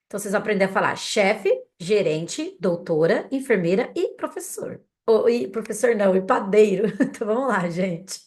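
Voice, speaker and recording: A woman's voice: mid-range voice, expressive, a little mellow. A young adult woman with a Brazilian Portuguese accent teaching English vocabulary, calling out words for learners to repeat after her. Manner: slow, patient repeat-after-me drilling. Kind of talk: language lesson drills.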